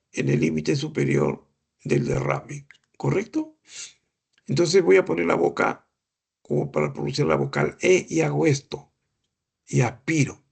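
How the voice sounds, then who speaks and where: A man's voice: on the high side, gravelly, darkish tone, husky. A middle-aged man lecturing on clinical examination, explaining patiently, asking rhetorical questions and imitating breath sounds. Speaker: medical lecturer.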